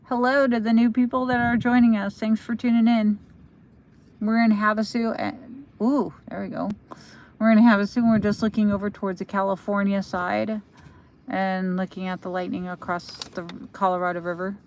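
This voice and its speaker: An American woman hosting a casual livestream outdoors, chatting in a halting way and trailing off as she goes. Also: mid-range voice, level tone, darkish tone, poor audio. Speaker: livestream host for a local magazine. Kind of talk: casual live commentary answering viewer comments. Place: outdoors at night by a lake.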